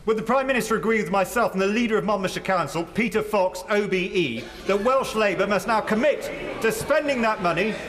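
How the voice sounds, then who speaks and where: A man's voice: sits high, a little fast, a crowd in the background. A man making a formal parliament speech as a member putting a question.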